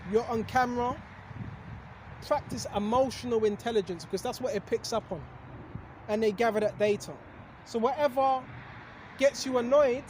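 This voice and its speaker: This man, who hosts religious videos, speaks in a very high-pitched voice with a darkish tone, and there's slight noise in the background. Hiccuping every so often, he rambles through a casual sermon for his audience, firing off rhetorical questions and saying "right?" again and again.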